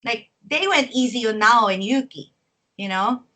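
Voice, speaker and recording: Bright-voiced woman in her forties. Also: fairly high pitch, lively intonation, moderate pace, low-quality recording. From Philippines. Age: 40s. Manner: chatty, laughs often between phrases. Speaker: professional wrestler guest. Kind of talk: casual interview chat.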